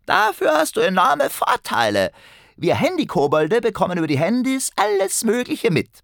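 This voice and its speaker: Male narrator doing a sneaky goblin in a kids' story, high and boastful, swooping all over, dry close sound. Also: normal speed, gravelly, no echo, heavily acted. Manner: high, excited, pleased with itself. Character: sly, smug little phone goblin, male.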